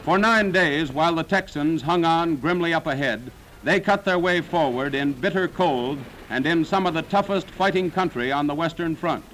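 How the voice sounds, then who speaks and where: A man's voice: fairly high pitch, normal speed, few pauses, fairly bright tone, slight background noise, rough recording. Man narrating an old 1940s newsreel. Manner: dramatic, solemn declamation.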